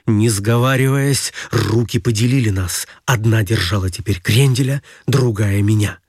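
A man reading an adventure story aloud in a lively storytelling manner. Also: lowish voice, normal speed, breathy edge, no echo, studio quality. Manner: lively storytelling, voicing every figure. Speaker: narrator.

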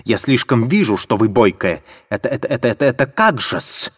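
A man doing a fussy muttering gentleman. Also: medium pitch, sing-song, fairly quick, husky. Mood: flustered. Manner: mumbling, hesitant, stammering repeats, prim. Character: fussy, evasive middle-aged gentleman, muttering. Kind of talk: audiobook character voice.

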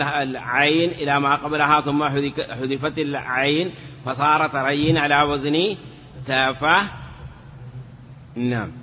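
A male teacher giving a step-by-step Arabic grammar lesson, asking the class questions and drawing words out slowly. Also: fairly high pitch, pushed and bright. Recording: lo-fi, hall reverb, faint noise.

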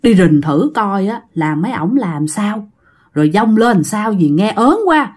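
A woman's voice: mid-range voice, expressive, a little slow, darkish tone, breathy edge. A woman voicing a bold, curious young girl, with a Southern Vietnamese accent. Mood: eager coaxing. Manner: eager, coaxing.

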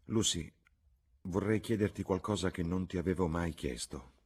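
Man doing a stiff, fussy young gentleman. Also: deep voice, moderate pace, slightly rough, voice pushed up. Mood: earnest. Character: young English gentleman, fussy and reproachful fiancé.

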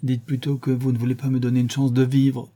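A man's voice: medium pitch, completely flat delivery, a little fast, warm tone, slightly rough, natural voice. A man reading aloud as a feverish, delirious young woman, speaking in an impassioned, pleading way. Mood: urgent. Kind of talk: audiobook character reading.

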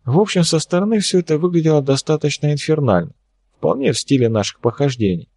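A man's voice: fairly high pitch, animated, fast, warm tone, dry recording, voice pushed up. Man doing a young woman, wry, worried, musing, lightly raised voice, dry close recording.

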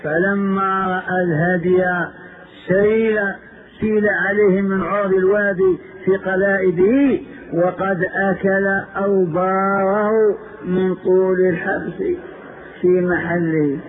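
A man's voice: sits high, little pitch movement, unhurried. A male Islamic scholar giving a religious lesson, repeating phrases for emphasis and asking rhetorical questions, on a tinny, phone-like old lecture tape. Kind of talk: religious lesson retelling prophetic history.

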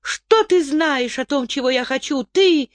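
A man reading an audiobook voices a frightened young noblewoman disguised as a boy, pleading in a high, urgent voice. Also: measured pace, no room sound. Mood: protesting.

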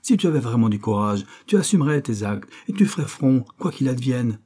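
A man's voice: mid-range voice, very animated, a little fast, dark tone, slightly rough. A man reading an audiobook and voicing a blunt, indignant old friend who scolds hotly. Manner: scolding, heated and accusing.

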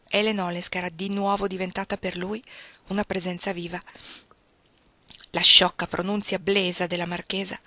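A woman reading a novel aloud as audiobook narration, measured and expressive. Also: mid-range voice, no echo. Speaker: reader.

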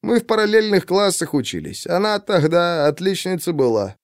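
A man voicing a shaken young police lieutenant who speaks haltingly and distractedly. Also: sits high, big pitch swings, no echo, studio quality, pitched above the performer's own voice.

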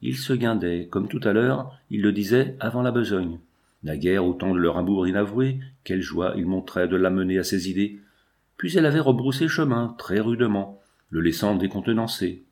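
A man narrating a novel in a steady, literary reading style. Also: on the low side, normal speed.

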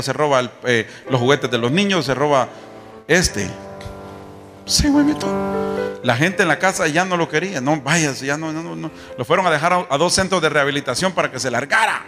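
A man preaches in a bright, forceful tone, his voice sitting a bit high. He tells folksy stories, acting out conversations and firing off rhetorical questions. Faint instrumental music plays behind him. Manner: folksy storytelling, acts out dialogue, rhetorical questions. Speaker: apostle preaching. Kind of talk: sermon.

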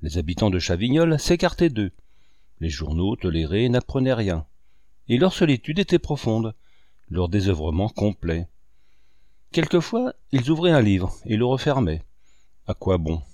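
Male audiobook narrator, measured and expressive, dry studio sound. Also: medium pitch, dry recording. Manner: measured, expressive reading with wide rises and falls.

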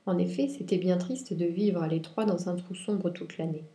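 A woman reviewing and reading a children's picture book aloud in clear, expressive storytelling. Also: on the low side, moderate pace. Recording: roomy echo.

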